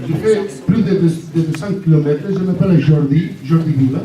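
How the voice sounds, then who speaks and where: A man from the audience speaks French with a Catalan accent, indignant and stumbling over repeated words. His voice is high yet dark and mellow in tone. It reaches the mic from afar through an echoing hall. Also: normal speed, slight background noise. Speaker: audience member. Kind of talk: audience question. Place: large meeting hall. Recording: echoey hall from far off.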